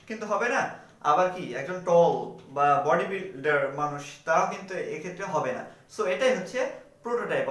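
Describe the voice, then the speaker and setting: A high-pitched man lectures step by step, posing questions to himself and answering them. His voice sits some way off the mic and rings around a roomy, echoey space. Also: fairly bright tone. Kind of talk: explanatory lecture. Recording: echoey room, mic at a distance.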